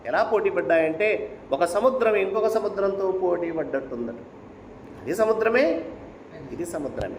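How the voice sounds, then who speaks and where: This high-pitched, animated man speaks at normal speed with long pauses, delivering a devotional discourse and sacred story while urging listeners through rhetorical questions. There's slight background noise, and the hall is echoey with faint ambience.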